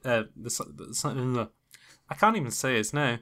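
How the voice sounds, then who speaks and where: A man's voice: mid-range voice, lively intonation, moderate pace, pushed and bright. A man chatting casually on a podcast, rambling and laughing at his own jokes. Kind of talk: casual chat.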